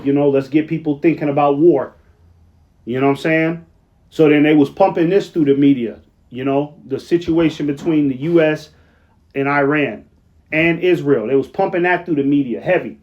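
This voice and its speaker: A weary man talks through the news in a loose, rambling way, often tossing in "right?" to his listeners. His voice sits somewhat high and he slows down to read quotes aloud. The recording sounds muffled and lo-fi. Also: darkish tone. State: tired, yawning late at night. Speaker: online commentator. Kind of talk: casual commentary reading news aloud. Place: at work, late at night.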